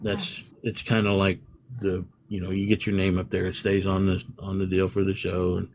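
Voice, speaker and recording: Low-voiced man in a rambling chat. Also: completely flat delivery, normal speed, darkish tone, slight background noise. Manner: rambling explanations, frequent restarts. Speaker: livestream room owner, guest. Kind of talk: casual interview chat.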